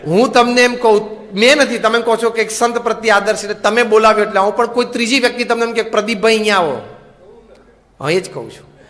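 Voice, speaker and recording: A man, a monk, giving a sermon that mixes stories and gentle humor with slow, emphatic English phrases. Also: high-pitched. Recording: long hall reverb.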